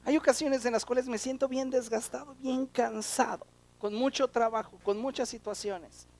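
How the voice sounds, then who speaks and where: A man preaching a sermon as pastor, animated and full of rhetorical questions. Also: very high voice, normal speed.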